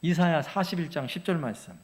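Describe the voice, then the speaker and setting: A man's voice: on the high side, fast talker. A man, a church pastor, teaching a Bible memorization lesson and often asking the congregation questions. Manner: engaging, asks congregation questions.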